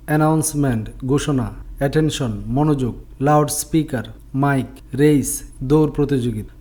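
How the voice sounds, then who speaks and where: Guy reading out vocab words one by one, warm dark voice, steady recital. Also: mid-range voice. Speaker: vocabulary teacher. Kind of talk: reading a word list with translations.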